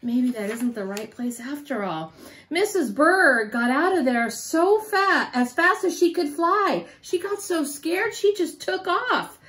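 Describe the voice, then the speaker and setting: A woman with a high, bright voice reads a children's picture book aloud. She is animated and sing-song, often pausing to quiz her young listener. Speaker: storyteller for children.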